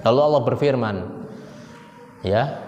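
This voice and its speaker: A male preacher lecturing a congregation in a plain, mid-pitched voice that keeps leaping upward for emphasis. He talks conversationally and throws quick questions at his listeners. The sound carries a long hall reverb over a faint hum of background noise. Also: lo-fi sound. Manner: animated, with sudden rises in pitch for emphasis. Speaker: Islamic preacher.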